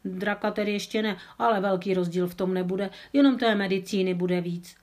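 A woman's voice: medium pitch, steady tone, a little mellow, lightly acted. A woman voicing an old village herb woman, nearly eighty, who is folksy and reassuring in a storybook reading. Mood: gruffly reassuring. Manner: folksy exclamations.

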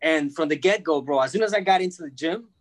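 His voice is a little high and his pace quick. Born in Peru and raised in the United States since age two, the freelance sports media journalist chats as a casual guest, telling personal stories in slangy, repetitive street talk sprinkled with "bro," "man" and "you know what I mean."

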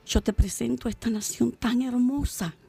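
A Venezuelan woman in her sixties speaks with a gravelly edge. She talks warmly about her faith and leads a fervent prayer, quoting scripture as she goes. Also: a little high, fairly even intonation, normal speed, faint music behind. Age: 60s. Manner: fervent, devout, prays aloud with scripture. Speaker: guest. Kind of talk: faith radio conversation and prayer.

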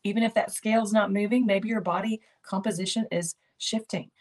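A woman's voice: medium pitch, steady tone, brisk, darkish tone. An older woman hosting a keto lifestyle channel, giving encouraging motivational talk to camera. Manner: encouraging, repetitive coaching phrases.

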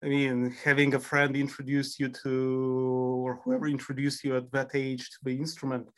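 A man's voice: medium pitch, monotone, moderate pace, a bit bright. A man from a former Soviet country hosting a podcast interview, introducing his guest with admiration. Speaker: podcast host.

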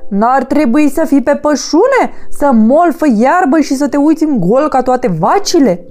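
A woman voicing a loud, bossy male crow who shouts and retorts indignantly in a storybook reading. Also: high voice, lively intonation, voice pushed up.

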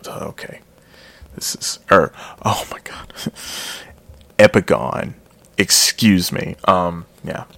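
Rambling low-voiced man reviewing an album. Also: gravelly, fairly bright tone, no echo. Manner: rambling, self-correcting, trails off into mumbles. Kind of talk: casual spoken music review.

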